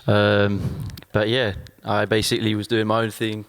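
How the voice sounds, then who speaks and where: A man from Costa Rica speaking in a modest, low-key way as an interview guest. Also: completely flat delivery, normal speed, in a large hall. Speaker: crew member guest. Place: small DIY studio.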